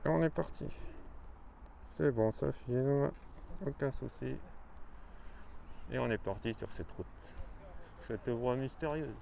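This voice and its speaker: A man's voice: mid-range voice, measured pace, creaky, pauses often, dark tone, a little hiss or hum. A man riding a bike on a city road, talking casually to his viewers, his speech slightly muffled by a helmet and balaclava. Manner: chatty, thinking aloud, frequent fillers. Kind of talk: casual running commentary.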